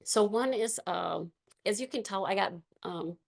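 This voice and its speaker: A raspy-voiced woman with a mid-range pitch guides a gentle movement and meditation class. Her instructions come softly and unhurriedly, sprinkled with fillers.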